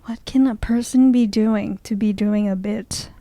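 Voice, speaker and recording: A young woman co-hosting a casual chat show, speaking slowly, with a bit of vocal fry. She giggles easily and gets flustered when teased. Her voice sounds close and dry. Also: medium pitch, steady tone, warm tone, dry recording. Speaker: co-host.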